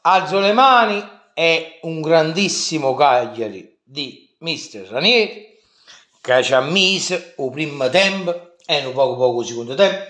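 A man giving casual football commentary, halting and conceding, in an echoey room. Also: on the high side, lively intonation, fairly bright tone.

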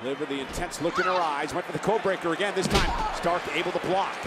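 A man's voice: on the high side, fast talker. A man giving dramatic, emphatic play-by-play as a wrestling commentator. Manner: dramatic, emphatic calls of each move. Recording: loud arena noise behind. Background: loud wrestling arena.

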